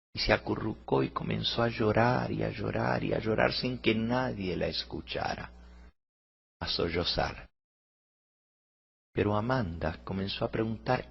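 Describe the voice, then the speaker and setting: A man narrating a story, expressive and growing louder at emotional moments. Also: medium pitch, creaky, husky. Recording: muffled lo-fi recording.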